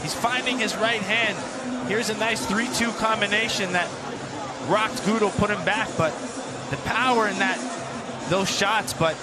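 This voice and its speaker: High-voiced male fight analyst, loud crowd. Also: fairly even intonation, unhurried. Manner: emphatic technical breakdown. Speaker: fight analyst, color commentator. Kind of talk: live kickboxing analysis. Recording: loud arena crowd noise behind. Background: noisy arena crowd.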